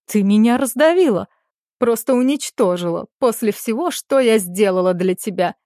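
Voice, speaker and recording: A woman voicing an indignant middle-aged aunt who pleads and accuses loudly. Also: mid-range voice, expressive, moderate pace, dry recording, clean studio sound, close to an everyday voice. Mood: accusing.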